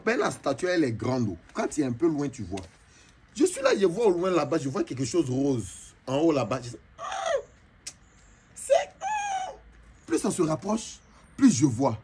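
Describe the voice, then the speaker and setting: A man acts out a flamboyant, self-admiring braider chief from a busy market, talking in an Ivorian French accent. The voice sits somewhat high and leaps around with lively swings. She brags freely and tosses in bits of broken English, with a faint hum of ambience behind. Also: close to an everyday voice. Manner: boastful, animated, mixes in broken English. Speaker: comedian. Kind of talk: comic monologue in character.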